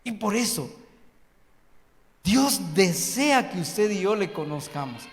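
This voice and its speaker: A man's voice: high-pitched, very animated, takes it slowly. A man preaching a fervent sermon as a missionary, asking the congregation rhetorical questions. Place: church hall. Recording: long echo of a hall.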